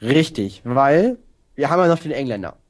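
Male co-host, casual history explainer, relaxed, mid pitch. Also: normal speed. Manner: relaxed explaining, some fillers. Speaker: podcast co-host.

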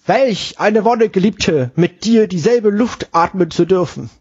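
A man putting on the voice of an old-time newsreel announcer, reading century-old jokes slowly and loftily. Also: expressive, darkish tone, slightly rough, highs cut off, full character voice. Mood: lofty. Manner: slow, drawn-out, lofty reciting in a much higher voice. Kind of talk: mock old-newsreel joke reading in a podcast.

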